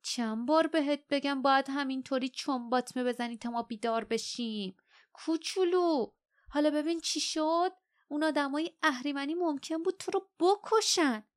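A woman's voice: high voice, gravelly, voice pushed up. A woman voicing a protective mother giant creature in an audiobook, scolding and earnest by turns. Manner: scolding, then earnest and soft. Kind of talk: audiobook character voice.

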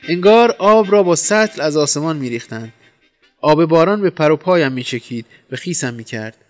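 A man's voice: fairly high pitch, animated, soft background music. A man narrating a humorous short story aloud in a wry storytelling manner.

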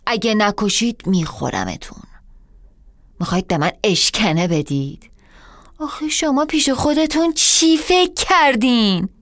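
A woman reading aloud and voicing a menacing, bitter half-snake woman who growls her threats low. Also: lively intonation, fairly bright tone, no echo, clean studio sound. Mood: scornful.

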